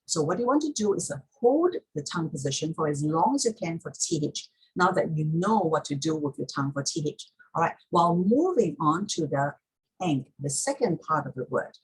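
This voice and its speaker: A woman's voice: low voice, animated, normal speed, slightly rough, low-quality recording. A woman teaching pronunciation step by step in an instructional talk, repeating key points for emphasis.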